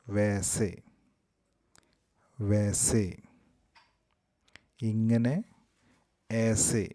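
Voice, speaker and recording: Male teacher, Malayali accent, unhurried lesson delivery with deliberate repetition, dark low tone. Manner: slow, repeats each word twice. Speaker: language teacher. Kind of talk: vocabulary lesson.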